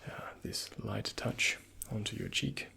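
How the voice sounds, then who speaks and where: Playing a doctor in a soft-spoken ASMR roleplay, a man with a lowish voice gives a patient gentle, courteous instructions at an unhurried pace. He stays close to the microphone, his tone breathy and often close to a whisper.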